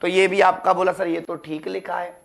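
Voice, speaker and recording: A gravelly, high voice with a level tone at normal speed comes from a male Hindi teacher doing exam preparation. He keeps questioning his students, answers himself, and calls them "beta" and "ladlo".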